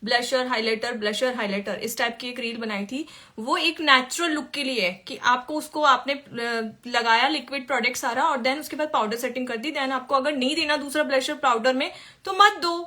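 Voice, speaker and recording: Woman makeup artist doing a live class, kinda high voice, chatty, talks to viewers while she works. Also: moderate pace, bright, forceful tone. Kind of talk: casual live-stream makeup tutorial.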